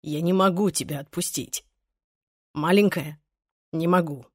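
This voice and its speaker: A woman's voice: mid-range voice, expressive, moderate pace, no echo, natural voice. An obsessive young man speaks in an audiobook, swinging between desperate pleading and cold threats, voiced by a woman narrator. The recording is dry and close, with no room sound. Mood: cold menace.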